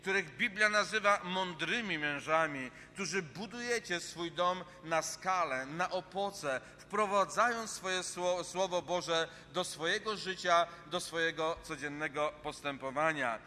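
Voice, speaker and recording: Polish guy preaching, earnest and repetitive, very bright voice, big echoey church hall. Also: a little high, a little slow, hardly any pauses. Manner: earnest, repetitive phrasing with hesitant fillers. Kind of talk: sermon. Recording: long reverb of a large hall.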